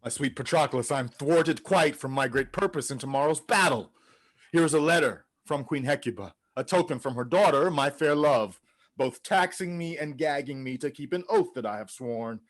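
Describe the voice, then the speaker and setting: Man playing a proud, menacing warrior, mid-pitched. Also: moderate pace, lightly acted. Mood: resolved. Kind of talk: theatrical Shakespearean stage acting.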